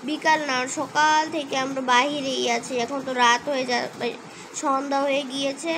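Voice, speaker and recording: Woman doing all the parts of a story, high voice, chatty and bossy, noisy mic. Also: little pitch movement, moderate pace. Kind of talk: acting out a story alone. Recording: noisy home recording.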